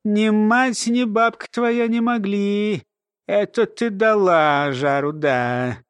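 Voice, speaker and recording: A woman's voice: medium pitch, slow pace, smooth, dry recording, voice pushed up, close to an everyday voice. A man voicing a sly old woman, a former nanny who mumbles and talks in a folksy way. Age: older.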